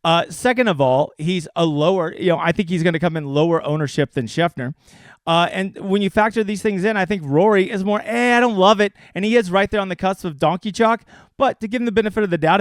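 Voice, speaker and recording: A man's voice: high voice, quick pace, dry recording. A man casually breaking down fantasy golf picks on a livestream, crude and joking. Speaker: fantasy sports analyst.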